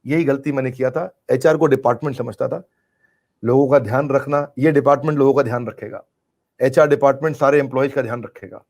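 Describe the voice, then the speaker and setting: A man's voice: medium pitch, fairly even intonation, quick pace, darkish tone. A middle-aged man answers interview questions with earnest conviction. He speaks in a mid-range voice and drives his points home by repeating phrases. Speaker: business coach being interviewed.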